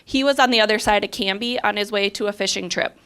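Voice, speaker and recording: A woman from southwest Minnesota telling a personal story as a panel guest, lively and earnest. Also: mid-range voice, fast talker, clean tone.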